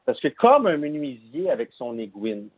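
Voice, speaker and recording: A man speaking as a guest on a radio talk show, measured and pausing with fillers. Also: mid-range voice, sing-song, dry recording, phone-quality sound. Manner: deliberate, hesitant with fillers. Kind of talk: radio discussion.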